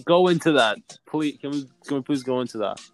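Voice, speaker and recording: A man's voice: mid-range voice, lively intonation, fairly quick, soft background music. A man hosting a casual podcast chat, asking short prodding questions.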